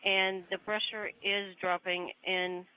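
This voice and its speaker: A woman's voice: mid-range voice, level tone. Woman calling readouts over crackly space radio. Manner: clipped, measured readouts with hesitant fillers. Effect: crackly space-to-ground radio loop. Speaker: mission control communicator. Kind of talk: procedural radio callouts. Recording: muffled lo-fi radio with faint hiss.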